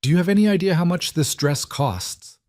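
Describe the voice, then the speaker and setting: A man's voice: fairly quick, a little mellow, dry recording, clean studio sound, natural voice. A man voicing an icy, haughty society matron. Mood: indignant. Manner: icy, indignant, shrill when angry. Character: haughty wealthy woman in late fifties. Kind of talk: dramatized audiobook narration.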